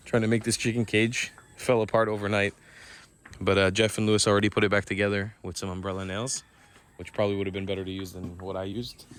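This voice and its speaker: A young man casually narrating a vlog, explaining repairs and chores. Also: slight background noise. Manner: loud pitched-up dog commands; relaxed explaining tone. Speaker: vlogger.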